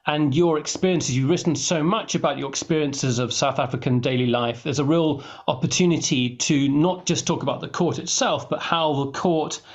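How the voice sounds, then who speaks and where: A man hosting an interview, opening with a scripted intro and then asking questions with frequent restarts. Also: a little high. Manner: halting, restarts often when asking questions. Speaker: interview host.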